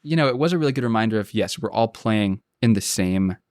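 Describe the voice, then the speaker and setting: A man's voice: lowish voice, expressive, quick pace, darkish tone, no echo, clean studio sound. A man in his late twenties, an actor guest on a podcast, telling stories in a rambling, self-deprecating way. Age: late 20s. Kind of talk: casual podcast chat.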